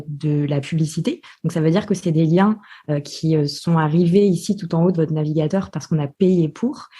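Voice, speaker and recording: A woman's voice: fairly low pitch, dark tone, husky. A woman guest in a podcast interview, explaining carefully with many hesitations. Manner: hesitant, many filler sounds, methodical explaining. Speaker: podcast guest, marketing specialist.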